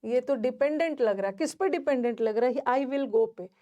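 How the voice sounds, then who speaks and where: Female grammar teacher, a touch high, patient step-by-step explainer who keeps quizzing her class. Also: lively intonation, fairly quick, warm tone, lo-fi sound. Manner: explains step by step, repeats key words, asks the class questions.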